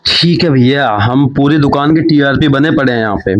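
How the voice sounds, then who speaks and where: A man's voice: mid-range voice, moderate pace, soft background music, lightly acted. A man voicing a naive but witty young village man who talks in a cheeky, playful rustic way.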